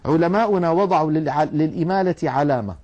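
A man with a fairly high, mellow voice gives a religious lesson on recitation rules. He explains patiently to his listeners. He draws out single sounds slowly so they can copy them. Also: animated, lo-fi sound. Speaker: Quran recitation teacher.

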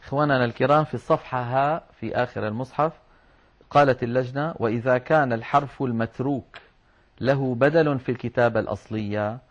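A man teaching Quran recitation rules, explaining patiently and slowing down to demonstrate words. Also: medium pitch. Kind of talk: religious lesson on Quran script and recitation. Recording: dull lo-fi recording.

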